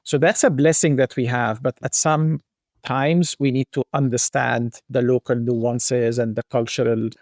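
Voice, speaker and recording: A man's voice: medium pitch, fairly even intonation, unhurried, a little mellow, dry recording. A middle-aged man originally from Egypt speaks as a podcast guest in a mid-range voice. He thinks aloud in a reflective way and circles back with restarts and fillers. The sound is dry and close, with no room around it. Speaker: guest, global brand marketing executive. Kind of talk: conversational podcast interview.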